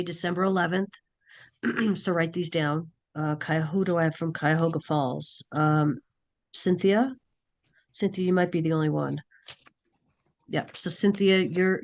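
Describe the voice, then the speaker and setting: Hoarse woman teacher with a cold, raspy, halting, thinks aloud mid-sentence, video-call class. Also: fairly low pitch. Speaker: nursing class instructor. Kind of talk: online class session.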